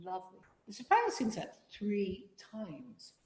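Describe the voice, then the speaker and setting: A woman runs an online choir rehearsal from a home room, giving instructions and singing example phrases between them. Her medium-pitched, darkish voice swings hugely in pitch at a measured pace. The video call sounds roomy with reverb, and faint music plays behind.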